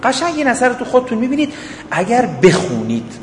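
A man's voice: very high-pitched, huge pitch swings, a little hiss or hum. A man giving a religious lecture, firing off rhetorical questions and acting out short everyday dialogues. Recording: echoey hall, faint ambience.

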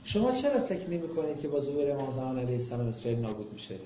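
A man's voice: medium pitch, sing-song, heavy background noise. A man giving an impassioned public talk, firing off rhetorical questions and mocking remarks, then taking questions from the audience. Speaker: lecturer. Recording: echoey room.

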